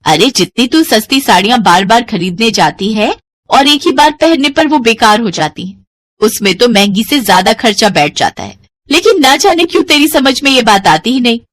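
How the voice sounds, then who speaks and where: A woman's voice: a little high, big pitch swings, moderate pace, a bit bright, no room sound. A woman voicing an elder daughter-in-law who lectures the younger one about money. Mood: lecturing.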